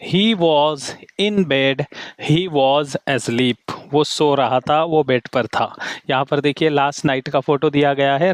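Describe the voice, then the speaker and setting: A man teaching English grammar in Hindi, calling viewers his friends and reading each English example slowly and carefully. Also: a little high, no echo.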